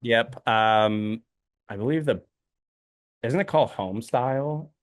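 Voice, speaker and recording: A man's voice: mid-range voice, unhurried, no echo. A man co-hosting a podcast, rambling casually with many ums and uhs. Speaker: podcast co-host. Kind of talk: casual chat.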